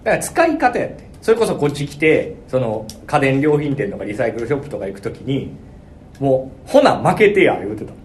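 A man with a Kansai accent, co-hosting a web radio show and teasing his partner in quick back-and-forth. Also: mid-range voice, sing-song, a little mellow, a little hiss or hum. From Kansai, Japan. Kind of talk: casual chat.

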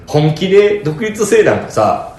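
A young man with a Kansai Japanese accent, chatting casually on a podcast with lively, joking banter and frequent laughs. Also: a little high, moderate pace, a little hiss or hum. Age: young adult. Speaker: podcast co-host, comedian. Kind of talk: casual chat. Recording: very echoey room.

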